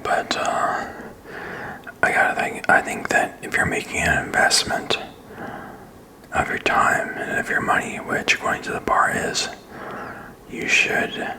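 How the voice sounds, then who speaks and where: Man whispering slowly, halting ASMR ramble. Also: poor audio. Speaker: ASMR video creator. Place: small quiet room indoors. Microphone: desk microphone with furry windscreen, very close.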